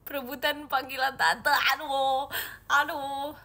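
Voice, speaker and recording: A woman's voice: high-pitched, little pitch movement, a little slow, gravelly, sharp tone. A young woman chatting casually on a livestream, reading fan comments with giggles and squealing exclamations. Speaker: idol group member livestreaming.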